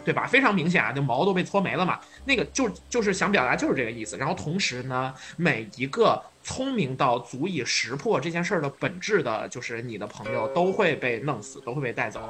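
A man co-hosting a casual podcast discussion, arguing his view with lively restarts and asides. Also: mid-range voice, a little fast, few pauses, husky, soft background music. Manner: animated, argumentative, many restarts. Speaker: podcast co-host.

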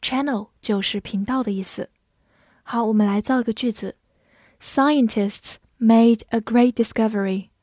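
A woman teaching English vocabulary, spelling words letter by letter and repeating them slowly for learners. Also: a little high, warm tone, no room sound, studio quality. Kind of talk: vocabulary lesson.

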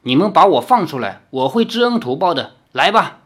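A reader voicing an arrogant, towering male demon emperor in an audiobook, talking in a loud, haughty way. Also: big pitch swings, fairly quick, breathy edge. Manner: loud, haughty, booming laugh. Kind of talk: dramatic audiobook character voice.

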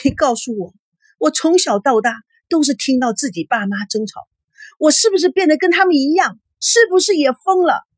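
Woman reading as frantic young daughter, shrill, screaming, very high, swooping pitch. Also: expressive, moderate pace, slightly rough, dry recording. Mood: hysterical. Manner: shrill screaming, sobbing outbursts. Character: hysterical young woman, grown daughter, distraught.

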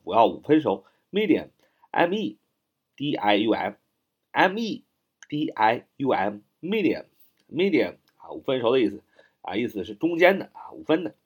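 Male English teacher, mid-pitched and animated, slow careful repetitions, spells words aloud. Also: slightly rough. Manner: repeats English sentences slowly, spells words letter by letter. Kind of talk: explaining English grammar in Chinese.

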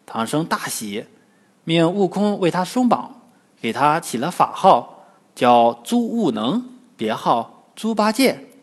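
A man narrating a classic tale for children in an expressive storytelling manner. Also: fairly high pitch, slow pace. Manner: lively, expressive. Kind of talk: scripted narration.

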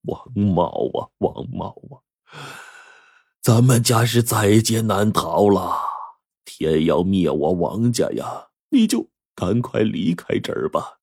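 A proud official father in a spoken storybook, worn down by grief, as a storyteller puts him on. His husky, low voice swings widely between shouted rage and tearful despair. The sound is dry and close. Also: animated, takes it slowly, dry recording, full character voice. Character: middle-aged male official, proud but broken by grief.

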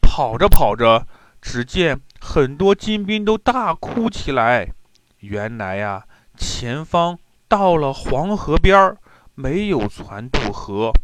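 A man telling a traditional tale to children in an expressive, drawn-out storytelling manner. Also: medium pitch.

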